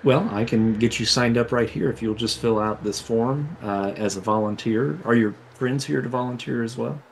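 A man narrating as game master in a relaxed, descriptive way, filling pauses with uh. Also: mid-range voice, vocal fry, slight background noise. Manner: relaxed, descriptive, with many fillers.

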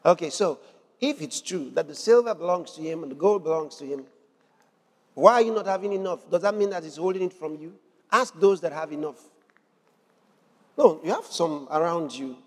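A man preaching a sermon in an emphatic way, repeating words and shouting to drive points home. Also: a little high, slightly rough, long reverb tail.

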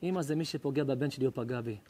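A middle-aged man, a rabbi, giving an emotional sermon full of stories, swinging between loud cries and hushed tones. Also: medium pitch, slight background noise. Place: live lecture before an audience.

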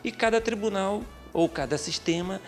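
A middle-aged man, a lawyer, answering interview questions in a small office, speaking in a measured, methodical way with frequent hesitant fillers. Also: high voice, faint music behind. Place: small office with bookshelves, indoors. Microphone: handheld interview mic.

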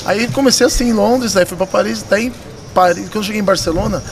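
In his thirties and speaking with a São Paulo Brazilian accent, this poker dealer and tournament director tells stories quickly in a high voice, casual and animated, slangy and repeating words for emphasis, as a podcast interview guest. He's on a vintage-style desk mic in an indoor poker club room, with slight hiss or hum and busy crowd murmur.

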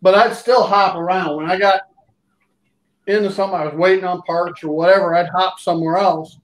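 A man's voice: sits high, steady tone, fairly quick. A man in his sixties chatting casually and joking about himself. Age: 60s. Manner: self-deprecating, joking. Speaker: host. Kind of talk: casual chat. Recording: roomy, distant mic.

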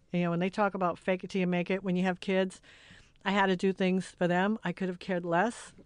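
A middle-aged woman hosts a podcast, her voice sitting on the low side with a clean tone and a dry recording. She chats candidly and with feeling as she wraps up the episode.

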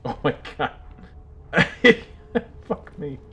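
Live-streaming a horror game, a man with a lowish voice talks unhurriedly, muttering to himself. He jokes and swears freely in his casual gaming commentary.

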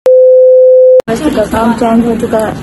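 A woman's voice: a little high, very animated, a little slow. A young woman vlogging casually and playfully on a university campus, speaking through a face mask. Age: young adult. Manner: playful, teasing, chatty. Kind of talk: casual vlog chat. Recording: loud street and crowd noise.

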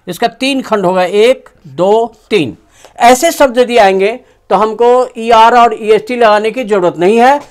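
A grammar teacher giving a lesson in Hindi. The teacher explains rules slowly and stretches words out while writing. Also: medium pitch. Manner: slow, drawn-out dictation while writing. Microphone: phone on a tripod with a clip-on mic.

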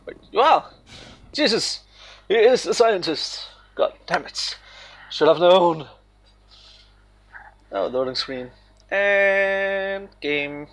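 A man's voice: high-pitched, expressive, slow, long pauses, fairly bright tone. A man giving casual, jokey commentary while playing a game, exclaiming and laughing often. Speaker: gamer playing on video. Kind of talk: casual let's play commentary.

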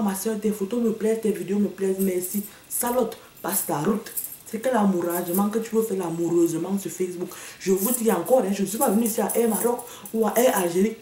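A woman's voice: mid-range voice, dark tone, slight background noise. A woman delivering a sassy, mocking comic rant to the camera, slipping into English and slang. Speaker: comedian vlogger. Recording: echoey room, a bit far from the mic.

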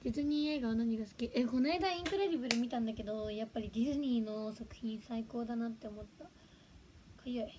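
A woman's voice: on the high side, fast, noisy background. A young woman chatting casually on a livestream, giggling and reacting to viewer comments. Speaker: livestream host.

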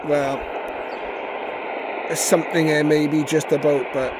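Out in a garden, a man casually demonstrates a radio antenna, thinking aloud with fillers and restarts while a phone held near the radio records him. He speaks slowly in a higher voice with little pitch movement, over radio static and station audio.

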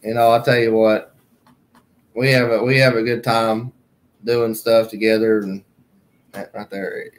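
A man's voice: lowish voice, flat delivery, unhurried, long pauses. A middle-aged man from southwest Arkansas with a Southern accent, joking folksily while chatting with viewers on a livestream. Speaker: livestream host. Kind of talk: casual chat.

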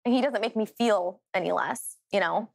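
Animated woman with heavy Dakota accent. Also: mid-range voice, moderate pace, creaky. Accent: North or South Dakota. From Dakotas, United States. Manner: animated, chatty, heavy use of "like". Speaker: reality show cast member, guest. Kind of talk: candid casual interview.

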